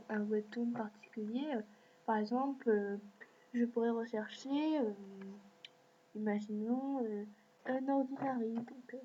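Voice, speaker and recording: A woman hosting a screen-recorded app walkthrough, talking in a hesitant way with many fillers. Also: on the high side. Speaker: video host. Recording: dull lo-fi mic with faint hiss.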